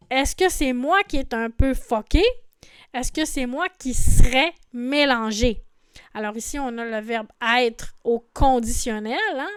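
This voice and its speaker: A woman's voice: a little high, smooth, no echo, studio quality. A woman explaining song lyrics in a patient lesson, repeating words and often adding "hein". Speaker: French teacher.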